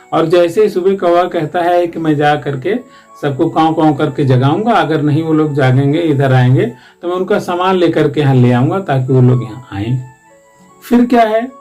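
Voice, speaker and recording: A man's voice: fairly high pitch, a little mellow. A man, a teacher, explaining the story of a one-act play from a Hindi textbook in a loose, rambling way with frequent restarts.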